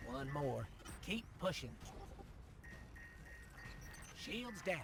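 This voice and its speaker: A man's voice: a little high, sing-song, drawn-out words, noisy background, heavily acted. An actor playing a playful, joking young male adventurer in a game cutscene. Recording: game cutscene with music underneath.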